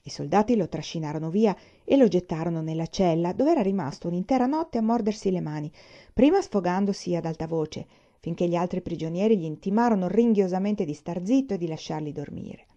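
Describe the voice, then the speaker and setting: Female audiobook reader, measured and expressive, dark mellow tone, dull lo-fi sound. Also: on the low side. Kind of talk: literary audiobook reading. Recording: dull lo-fi recording.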